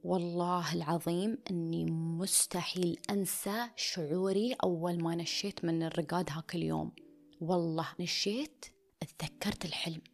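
Soft-spoken woman, confessional. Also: on the low side, fairly even intonation, normal speed, soft background music. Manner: intimate, drifting into soft whispers, mixes English phrases. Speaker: vlogger. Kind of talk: personal confessional monologue.

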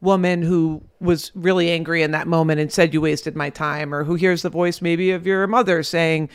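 A woman therapist speaking in a gentle, reflective and reassuring way. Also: lowish voice, flat delivery, moderate pace, clean tone, no room sound, studio quality. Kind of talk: counseling conversation.

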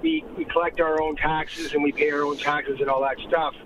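A man calling in on his car speakerphone while driving, asking a hesitant, halting question with many ums. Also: fairly high pitch, steady tone. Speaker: caller. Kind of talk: casual phone-in question. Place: inside a moving car. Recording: tinny phone line with loud car noise. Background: vehicle noise.

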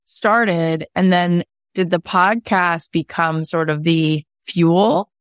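A woman's voice: lowish voice, slow pace, dry recording, studio quality. A woman hosting a conversational podcast interview, speaking in an affirming, explanatory way. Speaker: podcast host.

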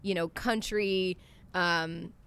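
A woman's voice: on the low side, steady tone, slow pace, fairly bright tone, smooth, no room sound. A woman co-hosting a casual podcast from a backyard, chatting informally with some swearing. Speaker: podcast co-host. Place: outdoors in a backyard.

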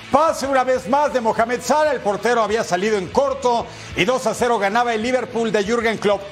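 A man hosting a sports show, presenting news and highlights in a lively broadcast style.

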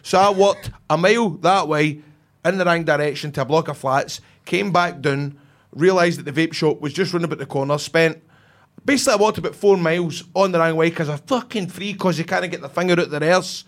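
A man's voice: on the high side, brisk. A man with a broad Scottish accent telling a colloquial, sweary anecdote as a podcast host, acting out bits of dialogue in casual chat.

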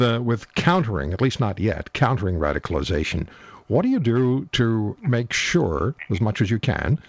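A male talk radio host moves briskly between his callers and guests. His pitch is lively and varied. The studio sound is close and dry. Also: no echo, muffled recording. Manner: brisk, moderating.

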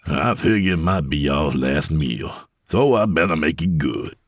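A man voicing a weary, gruff but kind old grandfather who speaks in a slow drawl in an audiobook. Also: a bass voice, lively intonation, no room sound, exaggerated voice. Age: older.

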